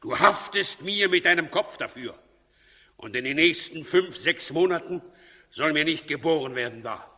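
Harsh, husky tyrant King Herod. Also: on the high side, lively intonation, moderate pace, bright, forceful tone. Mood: furious, commanding. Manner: commanding, declamatory, menacing. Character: ruthless, brooding, aging King Herod, a bloodthirsty tyrant. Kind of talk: 1960s German radio drama acting. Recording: reverberant hall, 1960s radio studio.

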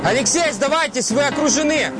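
An actor playing an urgent, commanding policeman at a standoff, shouting in a crime drama. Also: very high voice, animated, fairly quick, loud music behind the voice. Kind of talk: screen crime drama acting.

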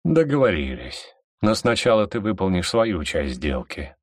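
A man's voice: sits low, big pitch swings, moderate pace, no echo, clean studio sound. A man reading an audiobook and voicing a cold, indifferent young king who hisses his threats. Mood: cold menacing. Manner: cold, hissing.

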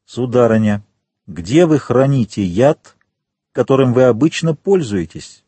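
A cold royal prosecutor lays out his charges in a calm, measured, menacing voice, as a male reader does him. The tone is mellow and husky, recorded close in a dry space. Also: medium pitch, no room sound. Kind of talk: audiobook character voice.

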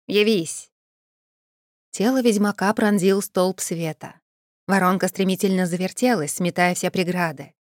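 A woman narrating a first-person fantasy audiobook in a lively, expressive storytelling manner. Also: mid-range voice, no echo, clean studio sound. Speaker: audiobook reader.

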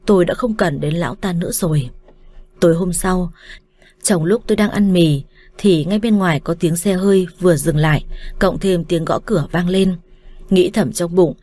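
A woman reading a first-person romance story aloud as an audiobook narrator, in a calm, measured way. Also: lowish voice, no echo.

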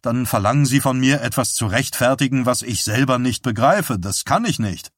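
A man's voice: medium pitch, lively intonation, normal speed, no echo, studio quality. A man voicing a tired, bewildered young man who answers hesitantly. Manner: hesitant, quiet.

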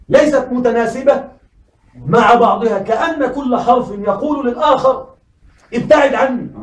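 A man teaching a classroom lesson. He keeps asking his students questions and says words slowly, over and over. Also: very high voice, echoey room, recorded from a distance, poor audio.

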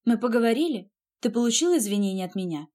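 A woman reading the part of an icy, clipped rich husband from a spoken romance novel. The voice stays flat and measured, and it sits a little high because the narrator keeps her own voice. Every line is short and cold. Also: natural voice. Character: cold, curt wealthy husband, man.

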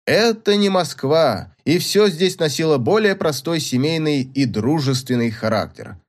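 A man narrating classic prose as an audiobook, telling the story in an expressive, dramatic way. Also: mid-range voice.

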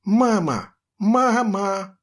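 A man's voice: sits high, animated, very slow, voice pushed up, exaggerated voice. A man voicing a frightened young boy who cries out in panic and pleads, in a storybook reading.

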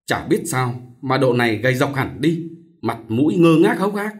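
A man's voice: mid-range voice, big pitch swings, moderate pace, lightly acted. A man voicing a fretful, doting elderly mother who fusses and complains. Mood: fussing. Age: older. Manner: fussing, complaining.

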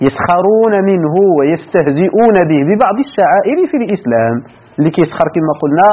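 A man with a Moroccan accent teaching a lesson of Quran commentary, going through the text verse by verse and asking his class rhetorical questions. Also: fairly high pitch. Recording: tinny phone-like lo-fi recording.

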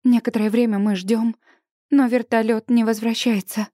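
High-voiced woman narrating an audiobook. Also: moderate pace, no echo, studio quality. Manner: expressive, dramatic reading. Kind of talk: first-person audiobook narration.

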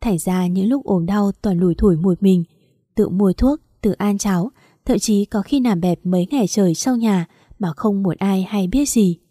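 A woman narrating a first-person story in a calm, measured, reflective way. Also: medium pitch, breathy edge, no echo, clean studio sound. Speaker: audiobook narrator.

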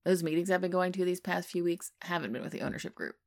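A woman reading the lines of a caring middle-aged husband, who explains things gently and earnestly. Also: lowish voice, fast talker, natural voice.

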